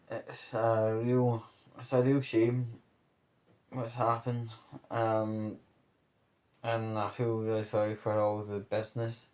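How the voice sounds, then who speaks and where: With a voice on the low side and a little mellow, a man gives rambling, off-the-cuff commentary on local news, stopping mid-phrase and checking in with whoever's listening.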